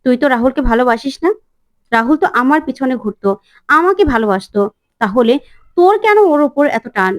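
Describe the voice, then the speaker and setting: A woman's voice: high voice, lively intonation, brisk, no room sound, studio quality. A woman voicing a scheming, jealous young woman who speaks in a whiny, defiant way. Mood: sulky.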